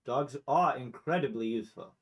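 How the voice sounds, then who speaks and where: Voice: medium pitch, normal speed, husky, lightly acted. A game master voicing a formal, eager male blink dog shaped like a borzoi, who speaks in a polite, old-fashioned way. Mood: curious. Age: older.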